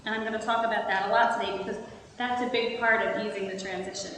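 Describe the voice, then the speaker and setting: A woman giving a calm, steady talk to an audience as a guest speaker. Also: mid-range voice, fast. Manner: calm, steady, tells a story. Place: large hall with an audience. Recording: echoey hall, mic from far off, noisy.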